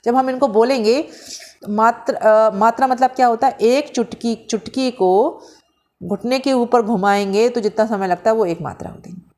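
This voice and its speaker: Woman teacher, somewhat high voice, slow explaining lecture, asks herself questions, mixes in English terms. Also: dark tone. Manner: explains slowly, often asks and answers her own questions; draws out the vowel sounds when she demonstrates them. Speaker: Sanskrit teacher. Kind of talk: lecture explaining handwritten notes.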